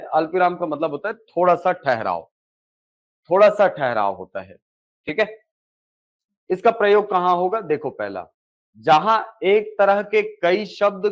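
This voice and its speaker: A male teacher giving a classroom lecture, asking questions and answering them himself, often checking in with "okay". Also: a little high. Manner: repeats key terms with "ठीक है". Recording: dull lo-fi recording.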